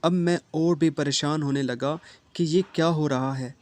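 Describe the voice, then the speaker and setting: A man narrating an emotional first-person love story with a steady, even delivery. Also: on the high side, dry recording.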